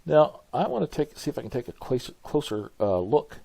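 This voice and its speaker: A man's voice: medium pitch, very animated, moderate pace, gravelly, warm tone, husky, dry recording. An older man with a grandfatherly, hesitant manner, musing aloud in casual reaction commentary. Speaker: video host reacting to a game trailer. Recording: music behind the voice. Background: music from a game trailer.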